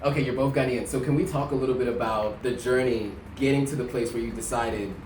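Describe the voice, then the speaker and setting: An American man hosts the interview, curious and steady, and keeps the talk moving with questions. He sits back from the mic in an echoey room. Faint noise hangs in the background. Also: mid-range voice, fast talker, recorded from a distance. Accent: American English. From United States. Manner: curious, steers with questions and short backchannels. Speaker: interview host.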